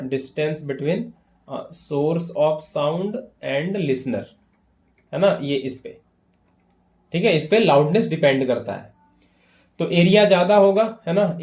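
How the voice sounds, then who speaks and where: A man's voice: a little high, a little mellow. A man teaching a physics lesson for exam prep, explaining step by step in Hindi mixed with English terms and checking in often with his students.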